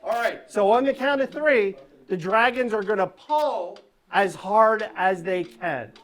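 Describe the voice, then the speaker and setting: A woman with a medium-pitched voice performs live magic show patter for children, taking her time. As a stage magician, she gives step-by-step instructions and coaxes the young audience with frequent check-in questions.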